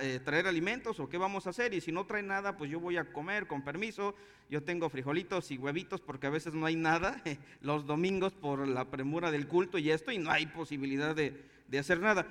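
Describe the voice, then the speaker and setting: A man's voice: sits high, a bit bright, big-room sound. A man with a Mexican accent, a pastor telling a story in a conversational way before preaching. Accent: Mexican Spanish. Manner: conversational storytelling, chuckling asides. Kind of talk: sermon with anecdote.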